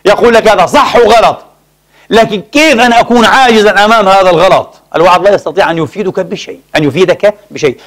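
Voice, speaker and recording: Guy preaching a sermon really fast, keeps asking the crowd questions and repeating himself, calls them brothers. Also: high-pitched. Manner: emphatic, rhetorical questions and repetition; addresses the congregation as brothers. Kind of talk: Friday sermon.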